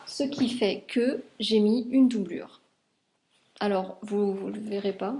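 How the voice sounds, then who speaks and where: A woman's voice: medium pitch, takes it slowly, gravelly, mellow, a little hiss or hum. A young woman from France chatting casually about garments she sewed, with many fillers as she shows the details. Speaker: sewing vlogger. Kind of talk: casual chat.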